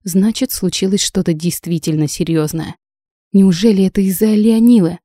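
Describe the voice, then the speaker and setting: A woman's voice: medium pitch, fairly even intonation, normal speed, dark tone, dry recording, studio quality. Woman reading a first-person story. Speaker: narrator. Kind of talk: audiobook narration.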